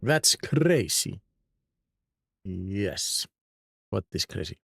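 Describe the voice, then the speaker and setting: On his live stream, a man from Iceland, a native Icelandic speaker with the accent to match, reads chat messages aloud and welcomes viewers individually. His low, gravelly voice is a bit bright and slightly rough, with big pitch swings and drawn-out words, and there's no echo.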